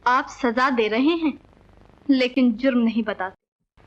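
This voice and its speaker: Wronged young wife, high voice, old dull film sound, dignified, formal. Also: female voice, takes it slowly, fairly bright tone. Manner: formal, pleading, dignified Urdu diction. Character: wronged young woman Hamida, proud and dignified. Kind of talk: 1940s film acting.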